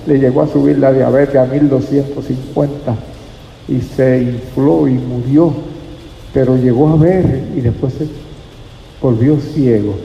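A man's voice: mid-range voice, dark tone, reverberant, in a large hall, lo-fi sound, slight background noise. A man preaching a fervent sermon to a congregation, addressing listeners as brother.

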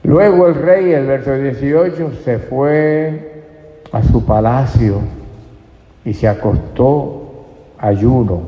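A male pastor preaches slowly and emphatically, often calling his listeners brother. His voice is gravelly and rings through a reverberant hall. The recording sounds dull and lo-fi. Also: medium pitch. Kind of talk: sermon. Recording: dull, echoey church hall.

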